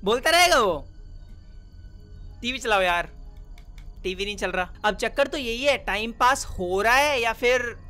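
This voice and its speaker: Excitable high-voiced young man gaming. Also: unhurried, pauses often, soft background music. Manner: excitable, joking, loud reactions. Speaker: gaming YouTuber. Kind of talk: horror game let's play commentary.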